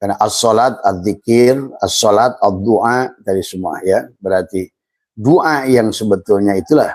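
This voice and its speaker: Halting, low-voiced male religious teacher. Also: dry recording. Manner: slow, halting delivery with many fillers and repeated words; addresses listeners as friends, refers to himself in third person. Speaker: Islamic mysticism teacher. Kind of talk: informal religious lecture.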